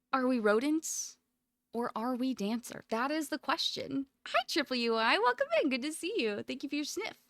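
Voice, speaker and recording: A woman's voice: high voice, animated, normal speed, a bit bright, no echo, clean studio sound. A woman streamer chatting casually with her viewers, laughing often and rambling with lots of "like" fillers. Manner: giggly, rambling, full of "like" fillers. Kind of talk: casual livestream chat.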